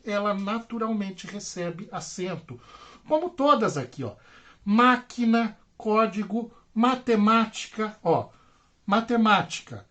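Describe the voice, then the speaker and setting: A man's voice: sits high, a bit bright. A Brazilian man teaching a grammar lesson online. He explains patiently and repeats himself, tags his sentences with little checks, and stretches out the example words. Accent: Brazilian Portuguese.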